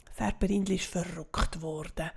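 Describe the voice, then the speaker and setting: A woman with a Swiss German accent reading a children's story aloud in a soft, half-whispered way. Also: lowish voice, fairly even intonation, moderate pace, creaky, husky.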